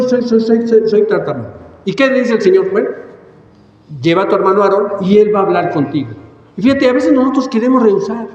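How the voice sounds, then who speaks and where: A man preaching a sermon, emphatic and repeating words as he goes, recorded in a church hall. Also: high voice. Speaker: pastor. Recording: echoey church hall, dull sound.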